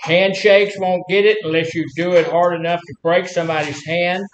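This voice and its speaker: A man's voice: high-pitched, steady tone, normal speed, roomy sound, dull audio, a little hiss or hum. A middle-aged man teaching a casual class, folksy and full of questions to the room. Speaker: health instructor.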